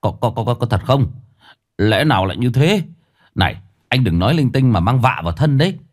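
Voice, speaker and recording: A man's voice: medium pitch, fairly quick, pitched above the performer's own voice, close to an everyday voice. Man doing frantic village neighbors. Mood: agitated. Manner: urgent, excited calling. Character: anxious village neighbors, men and women. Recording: faint music behind.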